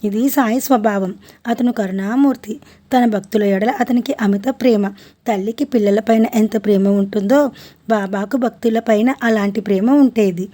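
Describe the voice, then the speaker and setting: A woman narrating a devotional story in a steady, earnest storytelling read. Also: mid-range voice.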